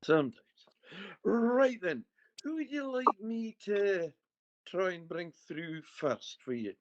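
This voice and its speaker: In a slow, very animated, high-pitched voice with a darkish tone, a broad-accented man from Scotland gives a casual, bantering private reading as a spirit medium. The recording has no echo but a dull, muffled lo-fi quality.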